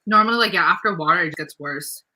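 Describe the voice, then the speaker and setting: Young woman guest, really bright tense voice, laid back slangy chat. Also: on the low side, fast talker, rough recording. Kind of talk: casual livestream chat.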